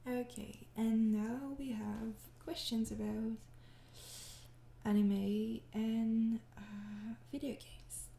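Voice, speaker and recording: A young French-accented ASMR creator from France draws out her words in a fairly high, gravelly, flat voice while answering fan questions. The room echoes; the Q&A is soft and casual, and she's tired, hesitant and apologetic, laughing softly and often and falling into whispers.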